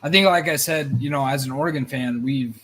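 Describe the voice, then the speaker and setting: Rambling, excitable male host for casual live sports chat. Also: mid-range voice, brisk, husky, faint music behind. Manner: rambling, excitable, swears, nervous energy.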